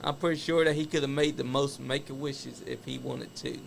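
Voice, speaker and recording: A man's voice: medium pitch, fairly even intonation, brisk, creaky, noisy background. A man hosting a casual wrestling talk show, commenting on old match footage in an opinionated, chatty way. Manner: chatty, opinionated, laughs at stories. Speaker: host.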